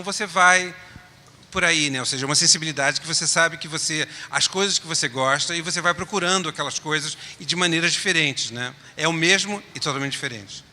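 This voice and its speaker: Bright, sharp-voiced man in echoey hall. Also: fairly high pitch. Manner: halting, searching for words. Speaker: panelist, small design studio owner. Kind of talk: informal panel discussion. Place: round table in a reverberant hall.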